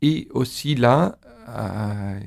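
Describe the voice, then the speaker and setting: Creaky-voiced man with foreign accent in French. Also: mid-range voice, a little mellow. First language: Italian. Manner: halting, searching for words in imperfect French. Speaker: musician interviewed as expert on organ music. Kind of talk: explanatory interview talk.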